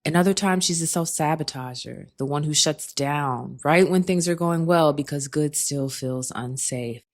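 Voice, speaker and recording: A woman with a notably low speaking voice talks the listener through a faith-based self-help monologue. Her delivery is calm and reflective, warm in its direct address, with pet names and little "okay?" check-ins woven in. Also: moderate pace. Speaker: podcast host.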